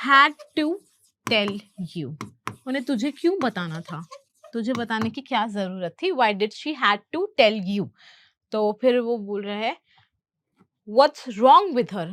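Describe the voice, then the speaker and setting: A woman teacher explaining lines from a film, repeating English phrases slowly word by word. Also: fairly high pitch, a little hiss or hum. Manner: slow, careful word-by-word pronunciation drills. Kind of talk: explaining movie lines in a lesson.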